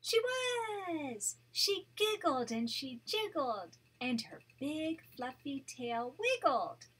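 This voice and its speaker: Reading a children's story to her grandchild, an older woman stays animated and stops now and then to show the pictures. Her voice sits high.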